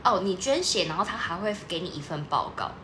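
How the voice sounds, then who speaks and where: A woman's voice: lowish voice, lively intonation, fast, a bit bright. A woman co-hosting a casual podcast chat, talking emphatically in a lecturing way and laughing easily. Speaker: podcast co-host. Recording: echoey room with background noise.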